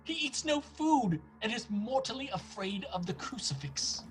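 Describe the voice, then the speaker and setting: An actor playing a fearful, desperate young English gentleman in a radio play, with a dramatic delivery. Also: extremely high pitch, very animated, moderate pace, music in the background, low-quality recording. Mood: dread. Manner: dramatic, fearful diary narration. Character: anxious, desperate young English solicitor imprisoned in castle.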